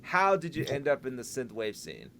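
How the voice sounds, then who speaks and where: Halting male podcast host asking questions. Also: medium pitch, huge pitch swings, vocal fry, a bit bright. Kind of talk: casual interview questions.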